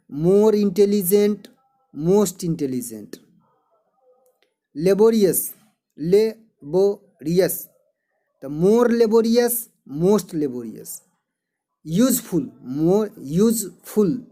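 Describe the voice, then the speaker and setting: A middle-aged male teacher explaining a lesson slowly, repeating word forms like a drill. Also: high-pitched, warm tone. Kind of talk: explaining an English lesson in Hindi.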